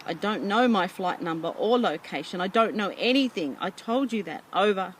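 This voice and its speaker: A woman doing a frantic young boy shouting for help. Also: medium pitch, animated, normal speed, a little hiss or hum, natural voice. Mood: panicked. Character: panicked young boy alone in a plane.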